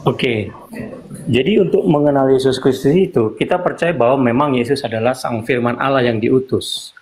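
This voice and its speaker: A man calling into a live debate, calmly explaining and asking to finish. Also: mid-range voice, a little hiss or hum. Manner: measured, asks to finish speaking.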